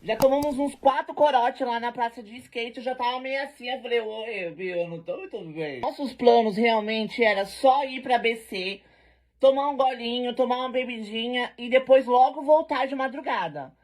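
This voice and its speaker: A woman with a high voice tells a chaotic night-out story straight to camera. She talks in a lively, slangy, joking way, full of asides to her viewers. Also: normal speed. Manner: animated, slangy, jokey.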